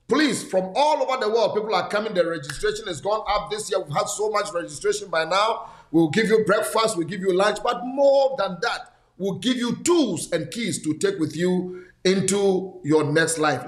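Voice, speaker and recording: His voice sits high and echoes around the indoor studio set where he hosts his talk show. A pastor in his sixties, he gives conversational mentoring, pressing his listeners forward and repeating words for emphasis.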